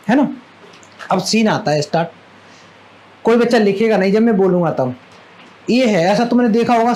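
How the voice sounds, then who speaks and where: In a live class, a man with a strikingly high voice teaches maths, chatting away, scolding his students affectionately, and constantly throwing questions at them. His tone is slightly mellow, and the audio quality is poor.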